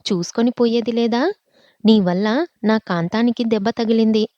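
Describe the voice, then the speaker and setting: A woman's voice: on the high side, no echo, lo-fi sound, natural voice. A woman voicing a hot-tempered young working woman who scolds and snaps back. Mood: angry. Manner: scolding, quick retorts.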